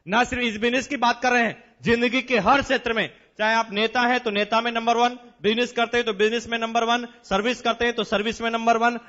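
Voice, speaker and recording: A man speaking as a motivational business seminar speaker in a large hall, emphatic and repetitive, with rhetorical questions and drawn-out stresses. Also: extremely high pitch, fairly bright tone, highs cut off.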